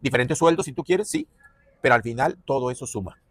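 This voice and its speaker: A man's voice: mid-range voice, expressive, no room sound. Middle-aged Mexican man, reflective, dry sound. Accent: Mexican Spanish. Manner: reflective, pauses with fillers, stresses points. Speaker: former footballer and coach, interview guest. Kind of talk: casual interview conversation.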